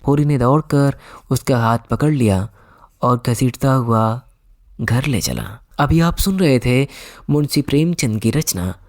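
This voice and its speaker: A man narrating an audiobook in a steady storytelling manner. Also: medium pitch, unhurried. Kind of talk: scripted narration.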